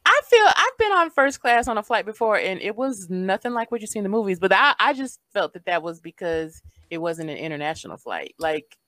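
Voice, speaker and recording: A woman's voice: mid-range voice, big pitch swings, a little fast, few pauses, a bit bright, no room sound. A woman co-hosting a podcast, chatting casually about a movie, laughing often and using lots of fillers. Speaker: podcast co-host. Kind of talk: casual movie discussion chat.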